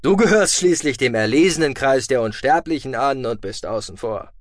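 A man voicing a calm, dryly humorous male space commander in an audiobook. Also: dry recording, studio quality, close to an everyday voice. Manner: calm, measured, lower. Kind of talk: audiobook reading.

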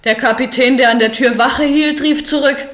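A woman giving scripted first-person narration of an adventure story in a measured, vivid manner. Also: high-pitched, fairly bright tone.

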